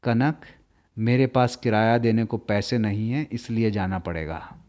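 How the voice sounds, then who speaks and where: A man voicing a poor, gentle old toymaker who speaks quietly and sadly in a storybook reading. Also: fairly low pitch, pitched below the performer's own voice, lightly acted. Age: older. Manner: quiet, soft and slow.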